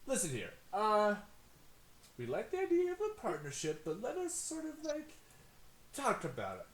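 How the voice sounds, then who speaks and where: A man voicing an excitable, deal-making fantasy businessman in a tabletop game, exclamatory and animated. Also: moderate pace, exaggerated voice. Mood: eager. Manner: exclamatory, animated, swooping into high notes. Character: excitable, wheeling-dealing moustached fantasy businessman named Tony. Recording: echoey room.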